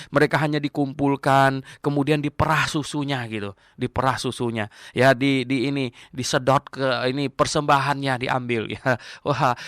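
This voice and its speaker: Gravelly emphatic older preacher. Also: male voice, mid-range voice, no room sound, studio quality. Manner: emphatic, animated, repeats key phrases; chuckles between points. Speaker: pastor. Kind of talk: radio-style Bible teaching sermon.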